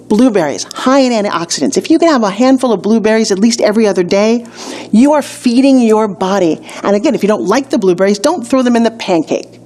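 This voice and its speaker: A middle-aged woman teaching a casual video lesson, chatty and playful, with quick asides and bursts of enthusiasm. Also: medium pitch, dark tone. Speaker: wellness instructor.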